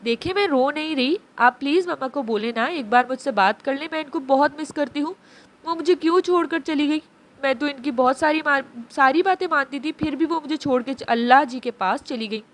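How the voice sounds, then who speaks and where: Give me a high, innocent little girl who misses her mom, voiced by a woman reading a novel. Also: a little fast, close to an everyday voice. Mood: tearful pleading. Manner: sweet pleading childlike voice. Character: small grieving girl, innocent and eager.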